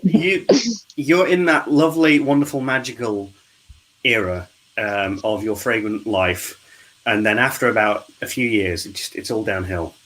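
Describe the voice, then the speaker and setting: A man's voice: on the low side, fairly even intonation, unhurried, a bit bright, slight background noise, low-quality recording. Male host, jokey, chatty, on a video call. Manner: joking, chatty, teasing the guests. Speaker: host of a charity live stream. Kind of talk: casual group chat.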